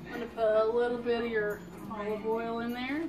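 A woman's voice: fairly high pitch, little pitch movement, a little fast, noisy background. A woman cooking in a home kitchen, patiently explaining each step to young children. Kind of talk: casual instructions to children.

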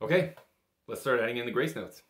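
There's background noise and a roomy indoor echo as a young man, seated at a table in a small room, teaches a casual bagpipe lesson in an encouraging, conversational way. He talks fast in an expressive, mid-range voice.

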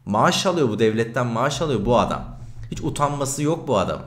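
A man streaming as a journalist, talking over a clip in an indignant, animated way. His pitch swings widely from high to low. The room around him rings with a noticeable echo. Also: a little fast. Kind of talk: livestream commentary over a video clip.

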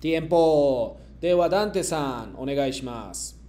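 A man runs an online language class over a video call, his voice sitting a little higher than most men's. He models each phrase slowly and patiently, then waits for students to repeat it. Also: lively intonation, mellow. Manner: patient, slow careful modeling of phrases for repetition. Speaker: Japanese teacher.

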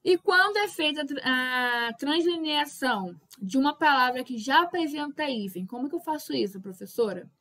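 A young adult woman teaching a Portuguese grammar lesson at a whiteboard. She explains patiently, keeps checking in with her students, and calls out example words loudly to show their stress. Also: high-pitched, expressive, moderate pace, hardly any pauses.

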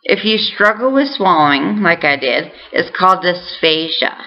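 A woman's voice: on the low side, animated, normal speed, muffled recording. A woman talking casually and earnestly to her viewers, encouraging them as she shares what she has learned. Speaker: vlogger sharing recovery tips. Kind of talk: casual direct-to-camera talk.

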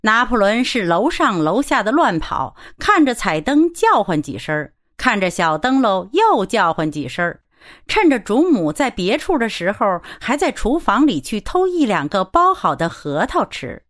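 A woman narrating a novel for an audiobook in a lively storytelling manner. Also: mid-range voice, normal speed.

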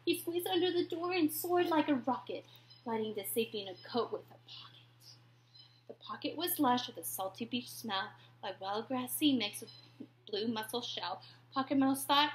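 A woman reading a rhyming children's story aloud, expressive and dropping to whispers at tense moments. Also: high-pitched, normal speed. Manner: expressive, drops to whispers for suspense.

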